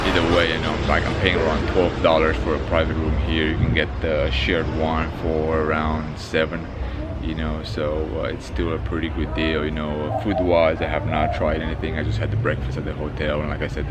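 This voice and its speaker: A man from Romania talking casually to camera as a travel vlogger, rambling with lots of fillers and restarts, outdoors on a town street. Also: a bass voice. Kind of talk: casual travel vlog talk. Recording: loud street noise outdoors. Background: street traffic and town noise.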